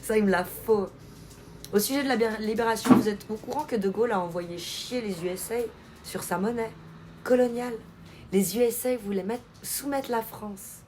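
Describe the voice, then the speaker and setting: A woman's voice: mid-range voice, normal speed, noisy background. A woman streamer chatting casually on a live stream, answering her chat and laughing often.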